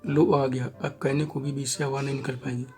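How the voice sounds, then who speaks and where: A man's voice: medium pitch, level tone, a little fast, darkish tone, faint music behind, lightly acted. A man reading an audio story, voicing a young man who is firm, reassuring and a bit impatient.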